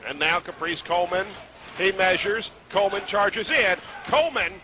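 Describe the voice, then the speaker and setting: A man calling a live wrestling match as play-by-play commentator, excitable, in short punchy calls. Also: high-pitched, normal speed. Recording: noisy live event recording.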